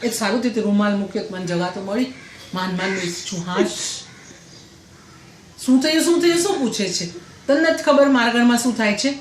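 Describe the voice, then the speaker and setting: A chatty, breathless housewife, played by a woman, who repeats herself while griping about her in-laws. Her voice sits a little high. The recording is roomy and echoey, with a faint hiss underneath. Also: a little fast, pauses often, lightly acted. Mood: gossipy. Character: gossipy middle-aged housewife complaining about in-laws. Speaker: comedian. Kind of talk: comic character monologue.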